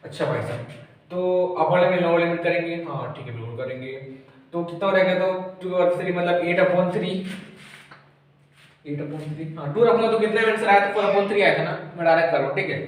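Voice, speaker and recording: A man's voice: high voice, brisk, distant mic. A male tutor giving an informal exam-prep lesson, chatty and familiar, asking and answering his own questions. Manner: calls the viewer brother, very familiar. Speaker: physics tutor. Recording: echoey room, faint room noise.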